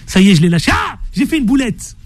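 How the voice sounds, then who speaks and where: Lively high-pitched male radio host. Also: fast talker, background noise. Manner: chatty, teasing, animated asides. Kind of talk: playful radio show intro. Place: radio studio.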